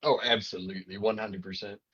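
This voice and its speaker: A man's voice: lowish voice, steady tone, fairly quick, a bit bright, breathy edge, dull audio. A man co-hosting a casual podcast, laid-back and jokey, swearing now and then. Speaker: podcast co-host. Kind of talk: casual chat.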